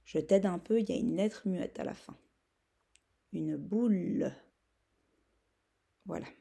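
Lady teacher going slow and patient with little kids, gravelly and dark. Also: fairly low pitch. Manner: slow, patient, spelling out sounds and words. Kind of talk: reading lesson for young children.

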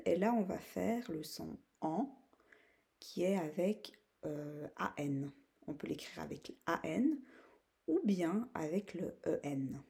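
A woman teacher giving a phonics lesson to young pupils, saying each example word slowly and stretching out the syllables. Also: on the low side, vocal fry, mellow. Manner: drawn-out syllable-by-syllable word modeling.

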